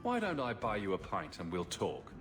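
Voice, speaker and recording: A man voicing a confident male hero who speaks calmly and teases dryly. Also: fairly low pitch, moderate pace. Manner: calm, dryly teasing. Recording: game cutscene with music behind.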